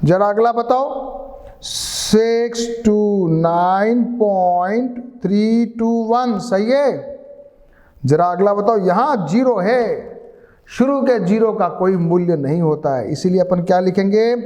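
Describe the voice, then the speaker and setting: Slow, patient high-voiced male maths teacher. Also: warm tone, in a large hall. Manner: patient, coaxing, asks pupils questions. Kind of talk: classroom lesson.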